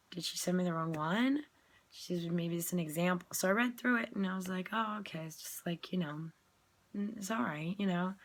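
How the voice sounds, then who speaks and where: A woman who is sick and coughing, chatting casually to camera about her tiring day and acting out what people said to her. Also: fairly low pitch. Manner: tired and frank, acting out quoted exchanges. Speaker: parent sharing a video diary. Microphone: phone or webcam recording.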